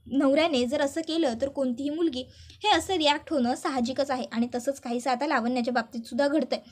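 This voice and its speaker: A woman narrates a serial episode recap in a quick, dramatic storytelling manner. Her voice sits very high.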